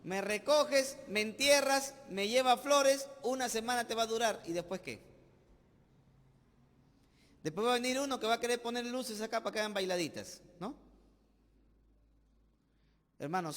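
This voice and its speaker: A man with a Peruvian accent preaching a sermon as pastor, emphatic, with rhetorical questions and sudden loud bursts. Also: sits high. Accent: Peruvian Spanish. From Peru. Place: church sanctuary. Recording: long church reverb.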